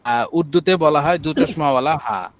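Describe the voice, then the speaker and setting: A man with a Bangladeshi Bengali accent teaching an online class, drilling syllables slowly and patiently. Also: fairly high pitch, a loud crowd.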